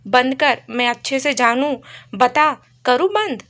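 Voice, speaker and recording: A woman's voice: sits high, expressive, unhurried, fairly bright tone, full character voice. A woman voicing an angry older village uncle who scolds in rustic dialect.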